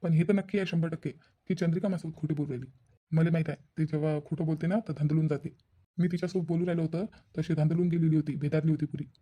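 A man's voice: on the high side, steady tone, warm tone, lightly acted. A man doing a suspicious cartoon husband. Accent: Vidarbha Marathi. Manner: rapid, suspicious muttering.

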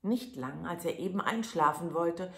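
A woman reading a fairy tale aloud as a storyteller, in a calm, measured manner. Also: on the low side, creaky. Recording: echoey room.

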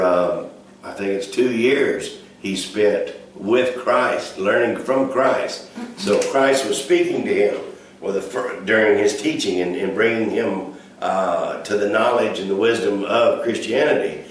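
A man leads a casual Bible study, talking in a folksy, meandering way with lots of fillers. His voice sits a little low. It is picked up from a distance in a very echoey room with a faint hiss behind it. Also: unhurried. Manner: folksy, rambling, with many fillers and restarts. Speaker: pastor leading a Bible study. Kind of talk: casual teaching.

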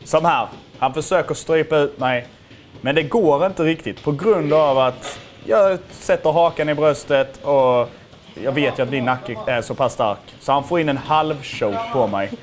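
A young man casually commenting on his own fight footage, animated and self-mocking, swearing freely. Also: fairly high pitch, a little hiss or hum. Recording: faint music underneath.

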